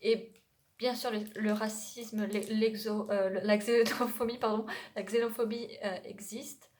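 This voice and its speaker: A woman's voice: medium pitch, steady tone, unhurried, a little mellow. A young adult woman from France talking casually to her vlog audience, rambling and digressing with many hesitations and self-corrections. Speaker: YouTuber. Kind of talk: casual vlog chat to camera.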